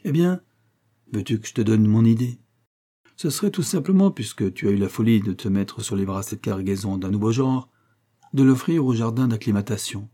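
A man's voice: fairly low pitch, lively intonation, normal speed, dark tone. A man reading an audiobook and voicing a level-headed young male engineer who teases and scolds his servant. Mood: teasing. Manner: teasing and scolding.

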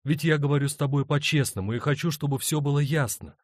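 A man's voice: a little high, quick pace, no room sound, clean studio sound, voice pushed up, natural voice. A man reading an audiobook, voicing an adult woman torn between two men who speaks in an earnest, pleading way.

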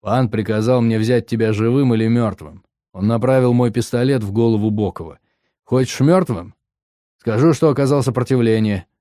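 A man's voice: medium pitch, normal speed, dark tone, dry recording, studio quality, lightly acted. A man voicing a menacing male mercenary commander who barks orders and mocks. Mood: smug. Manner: barking commands, mocking.

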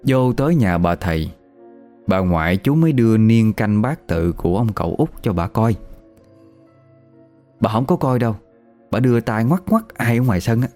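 Man, casual storyteller, low voice, faint music behind. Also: expressive, normal speed, pauses often, a little mellow. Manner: chatty, conversational storytelling. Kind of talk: casual spoken ghost story.

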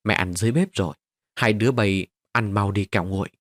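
A male storyteller voicing a poor, loving widowed mother who speaks gently to her children and her dog, in a narrated audio story. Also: lowish voice, fast talker, no echo, studio quality, pitched below the performer's own voice, natural voice. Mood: tender. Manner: gentle, soothing.

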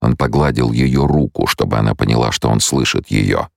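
A man narrating an audiobook in an extremely low, gravelly voice. He reads in an even, measured way, close to the mic. The recording is dry, without any room sound. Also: no room sound.

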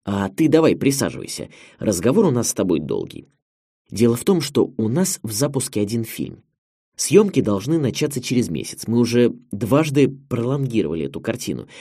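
A man's voice: medium pitch, dark tone, no echo. A male audiobook narrator voicing a jovial older film studio director who talks in a hearty, teasing way. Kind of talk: audiobook character reading.

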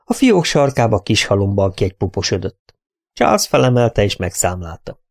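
A male narrator reading a novel aloud in a steady, measured storytelling manner. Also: fairly low pitch, gravelly. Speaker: audiobook narrator.

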